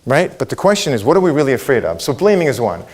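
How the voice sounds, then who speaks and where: A man's voice: medium pitch, sing-song, racing, husky. A middle-aged man from Israel whose first language is Hebrew, giving a motivational keynote, asking the audience questions and acting out quotes. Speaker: keynote speaker.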